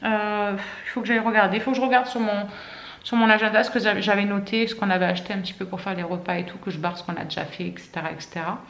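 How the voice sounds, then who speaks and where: A woman's voice: medium pitch, fairly even intonation, fast talker, fairly bright tone. A woman in her thirties, a mother chatting casually through her day at home in a rambling way, full of fillers and "et cetera". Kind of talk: casual vlog chat. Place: family home, indoors. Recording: roomy echo in a home.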